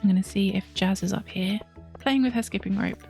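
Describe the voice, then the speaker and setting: A woman hosting a let's play, chatting casually through her game and sometimes dropping into soft whispered asides. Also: mid-range voice, a little fast, gravelly, soft background music.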